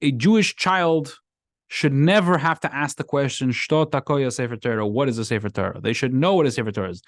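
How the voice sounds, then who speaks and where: A Brooklyn rabbi's weekly Torah lesson comes through in a brisk, mid-range voice, recorded on a class microphone with clean studio quality and no room sound. The tone is casual and animated, full of repeated phrases and rising, emphatic delivery.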